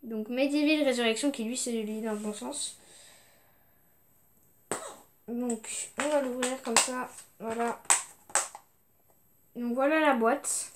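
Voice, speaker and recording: High-voiced young woman showing her games. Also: steady tone, unhurried, background noise. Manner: hesitant, many fillers and restarts. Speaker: video game collector showing her games. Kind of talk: casual unboxing chat.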